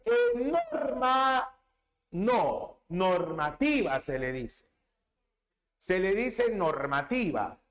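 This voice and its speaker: A man's voice: on the high side, big pitch swings. A man teaching a language lesson, repeating key terms and checking understanding with rhetorical questions. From Peru. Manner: drawn-out emphatic stresses on terms. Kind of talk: classroom lecture on linguistics.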